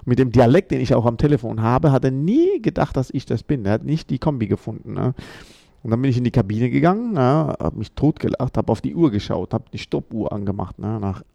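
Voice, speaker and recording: A man's voice: medium pitch, sing-song, a little fast, gravelly, warm tone, no echo. A middle-aged man from Ethiopia, a comedian telling stories casually in an interview, often tagging "ne?" onto his sentences. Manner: chatty, adds "ne?" after many sentences. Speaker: comedian and guest.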